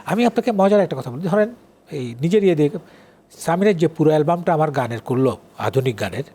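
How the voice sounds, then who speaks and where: An older man with a Bangladeshi accent, a song lyricist and writer, appears as an interview guest, talking fast in a fairly high, warm, animated voice. He explains things in an engaged, conversational way and checks that the listener is following.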